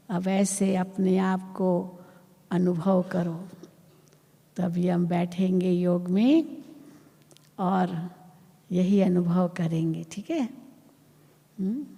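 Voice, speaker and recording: A woman spiritual teacher speaks slowly in a mellow, fairly low voice, leading a sermon that moves into guided meditation with long pauses. Her voice carries a long reverb from a hall, and soft music plays underneath. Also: vocal fry. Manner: slow, gentle instruction with long pauses.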